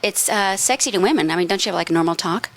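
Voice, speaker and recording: A woman's voice: medium pitch, fast. A woman hosting an entertainment TV interview, chatty and teasing as she asks her questions. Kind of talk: casual interview.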